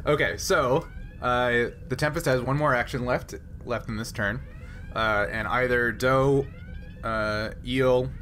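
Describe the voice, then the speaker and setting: A man with a medium-pitched, slightly bright voice speaks slowly as he runs a tabletop game, casually walking through the rules step by step in a hesitant way. Noisy ambience fills the background.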